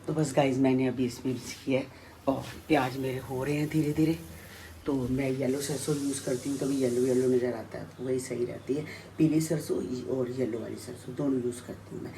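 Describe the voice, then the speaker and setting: A woman's voice: very deep voice, fairly even intonation, brisk, mellow, slight background noise. A middle-aged woman and mother chatting casually to her viewers while cooking in her home kitchen, rambling from one thing to the next. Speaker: family vlogger and mother. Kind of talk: casual cooking vlog chat.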